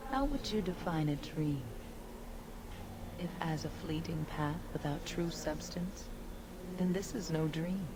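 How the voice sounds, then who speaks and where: An ageless female servant of the gods in a fantasy video game. The voice is low and measured, formal and heavy with portent. Clear ambient noise sits behind it. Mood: solemn, foreboding. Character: ancient solemn otherworldly female servant of the gods.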